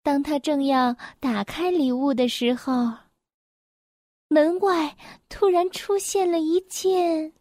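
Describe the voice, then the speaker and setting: A woman reads a children's picture book aloud in a gentle, clear, expressive way. Her voice sits high and light. The sound is dry and close. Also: slow pace, no echo. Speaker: storyteller.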